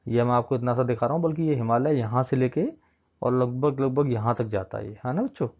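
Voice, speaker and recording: Dark-voiced man teaching children, coaxing. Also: medium pitch, a little fast. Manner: coaxing, keeps checking in with the children; mixes in English terms while explaining. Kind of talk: classroom lecture explaining a map. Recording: dull lo-fi sound.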